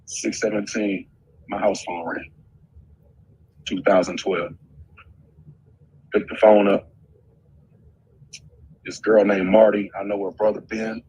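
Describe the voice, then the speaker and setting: A man's voice: fairly low pitch, level tone, slow, pauses often, a little mellow, breathy edge. A middle-aged man telling a painful personal story in a raw, emotional way, swearing heavily. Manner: intense, emotional, heavy swearing. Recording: muffled with faint background noise.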